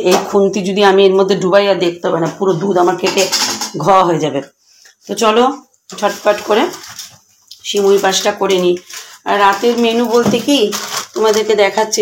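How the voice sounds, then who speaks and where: Chatty woman vlogging from a noisy kitchen. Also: medium pitch. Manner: chatty, talks to viewers as friends; speaks softly at times to keep quiet at home. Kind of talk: casual home cooking vlog. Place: home kitchen. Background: clattering dishes and cutlery.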